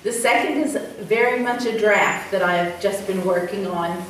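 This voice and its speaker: A woman's voice: medium pitch, normal speed, fairly bright tone. Echoey woman poet introducing her work. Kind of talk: informal spoken introduction. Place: indoor open mic venue. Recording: very echoey room, distant, noisy, clicks.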